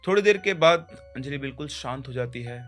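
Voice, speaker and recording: Man, horror storyteller, conversational, mid-pitched voice, faint music behind. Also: lively intonation, a little fast, fairly bright tone. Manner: conversational, explaining with restarts.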